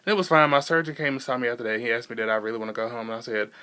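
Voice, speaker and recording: A young American man talking casually to viewers in a personal vlog, halting and rambling, repeating himself for emphasis. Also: mid-range voice, steady tone, bright, forceful tone, clear, resonant tone. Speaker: vlogger.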